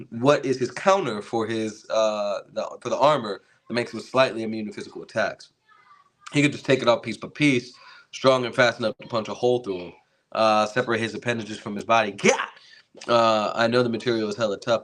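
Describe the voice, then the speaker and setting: A young man hosting a casual commentary stream, reading fan-written character entries aloud and stumbling over long invented words, then thinking aloud about them. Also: lowish voice. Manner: reads quoted text, then adds his own remarks. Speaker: host.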